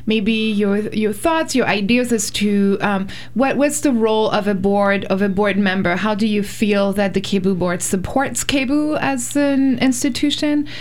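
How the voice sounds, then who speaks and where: A woman's voice: mid-range voice, a little slow, hardly any pauses, darkish tone. A woman managing a radio station interviews a guest in a friendly way, laughing easily and asking long, rambling questions.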